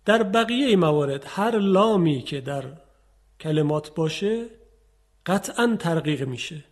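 A man's voice: on the high side, expressive. A male Quran recitation teacher giving a patient explanatory lesson, repeating and demonstrating each example.

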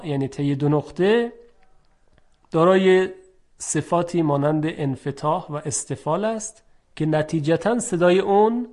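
High-voiced man teaching Quran pronunciation. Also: darkish tone. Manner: slow drawn-out model pronunciations between brisk explanations; formal, polite teaching tone. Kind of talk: recitation lesson.

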